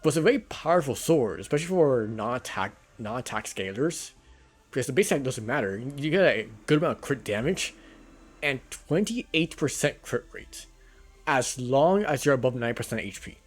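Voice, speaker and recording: A man's voice: mid-range voice, lively intonation, normal speed, breathy edge, faint music behind. A man giving casual, rambling gameplay commentary on a livestream, talking into a headset mic and swearing now and then.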